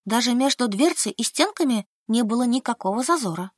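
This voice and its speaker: A woman narrating an audiobook in first person, with lively storytelling. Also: a little high, brisk, no echo. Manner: lively storytelling with acted dialogue. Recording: dry close recording.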